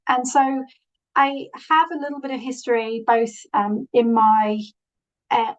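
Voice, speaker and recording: A woman's voice: a little high, poor audio. A woman with a Yorkshire accent, presenting to an online meeting in an earnest way with many fillers and restarts, heard over a video call. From England. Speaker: guest presenter.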